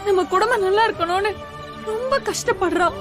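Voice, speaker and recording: An actress playing an anxious young wife who pleads tearfully, over TV drama music. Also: female voice, very high-pitched, brisk. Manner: anxious, pleading, near tears. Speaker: Kavya, elder sister-in-law. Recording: TV drama with loud background music.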